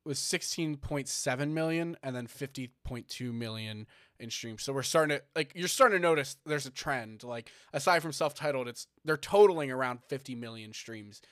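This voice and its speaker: A man's voice: medium pitch, expressive, moderate pace, a bit bright, dry recording, clean studio sound. A man co-hosting a casual chat show, rambling with lots of fillers and restarts as he reads out figures. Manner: rambling, many fillers and restarts, reading numbers. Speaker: podcast co-host.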